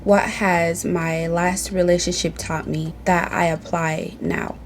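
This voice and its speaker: This beauty vlogger, a young woman from Tanzania, sits at home reading from a tablet for a casual get-to-know-me chat to camera, and she's bold, playful and sassy. Her lowish voice moves slowly with fairly even intonation, and there's slight background noise.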